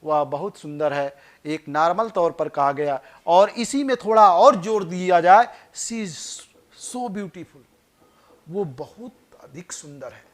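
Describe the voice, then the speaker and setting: Male English tutor, high voice, unhurried lesson delivery that repeats each point. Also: lively intonation. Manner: slow explaining, repeats points, reads example sentences slowly. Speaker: English teacher. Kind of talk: classroom grammar lesson in Hindi.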